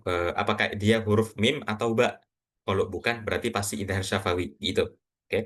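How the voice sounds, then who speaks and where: A man teaching Quran reading to a class, quizzing students and slowly reciting example words. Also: fairly low pitch, a bit bright. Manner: patient, asks students questions, models recitation slowly.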